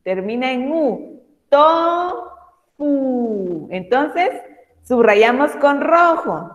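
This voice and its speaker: Primary teacher, woman, online class; affectionate, slow, emphatic; a touch high; reverberant room. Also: animated. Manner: patient, slow and emphatic when reading words aloud; affectionate toward pupils. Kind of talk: online class for young children. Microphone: video call.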